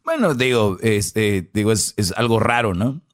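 A man's voice: on the low side, expressive, a little slow, dry recording, clean studio sound. A Mexican man chiming in as a radio co-host with laid-back, hesitant asides.

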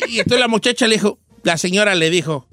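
Man playing an old mexican rancher radio host, bright, teasing and bossy, dry close sound. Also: high-pitched, quick pace, dry recording. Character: Don Cheto, older Mexican rancher man. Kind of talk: comic storytelling on radio.

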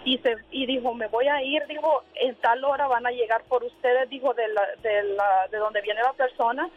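A woman's voice: on the high side, fairly even intonation, moderate pace, slight background noise. A woman calling in from her car, telling a personal story with many hesitant fillers. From Honduras. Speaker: caller. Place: in a moving car. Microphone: phone. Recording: tinny phone line.

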